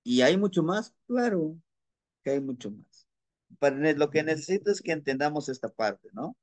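A man's voice: fairly high pitch, lively intonation, moderate pace, a little mellow, dry recording. A man teaching a class, patient and repetitive, often checking in with his listeners. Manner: patient, repeats words and checks in with "¿no?". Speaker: language teacher. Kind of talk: online class lecture.

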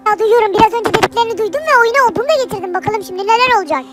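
A voice playing a calm, ominous talking cartoon cat in a mobile game, with quick, flat warnings and music behind. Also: male voice, extremely high pitch.

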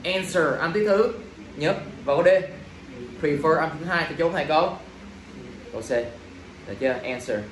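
A man's voice: on the high side, big pitch swings, fairly quick, long pauses. A male teacher running an exam review lesson, drilling his students with constant check-in questions in a classroom. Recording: echoey room, mic at a distance, faint ambient noise.

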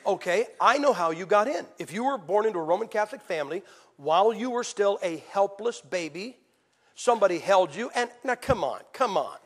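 A man preaching a sermon, telling stories with acted quotes and swinging from loud to hushed. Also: sits high, animated, fairly quick. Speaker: evangelist preacher. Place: church. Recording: hall reverb.

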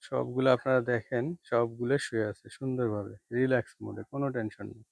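Soft-spoken gravelly man touring his goat farm. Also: mid-range voice, fairly even intonation, fast talker, dry recording. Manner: speaks softly to avoid waking the goats. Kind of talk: casual farm vlog, walking commentary. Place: indoors in a goat shed.

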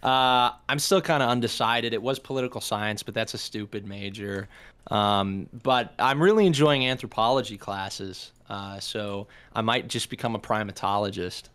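A man's voice: on the low side, moderate pace, a bit bright, clear, resonant tone. A young man in college chatting casually and earnestly, rambling with fillers. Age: young adult. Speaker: college student guest. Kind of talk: casual podcast panel chat.

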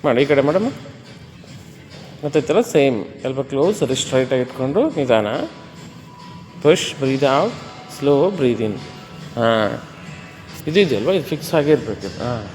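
A man's voice: mid-range voice, animated, unhurried, long pauses, darkish tone. A male fitness trainer, coaching a woman through a workout with firm, repeated commands and tips. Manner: firm, repetitive gym commands mixed with explanation. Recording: roomy reverb with music behind.

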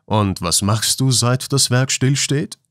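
A man voicing a calm, kindly older male mining engineer who speaks in a measured way, in a storybook reading. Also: medium pitch, no room sound, studio quality.

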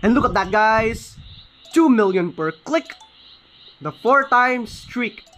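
A man giving casual, excited gameplay commentary, often stopping to correct his own words. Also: sits high, slow pace. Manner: excited, often corrects himself mid-sentence. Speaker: gaming channel host.

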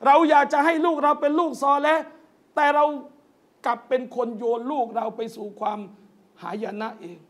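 A man with a very high voice lectures a congregation in a mosque. He tells emotional stories earnestly, keeps addressing the crowd as brothers and sisters, and slips in light jokes. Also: moderate pace, a bit bright. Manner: storytelling, often calls listeners brothers and sisters. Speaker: Islamic preacher.

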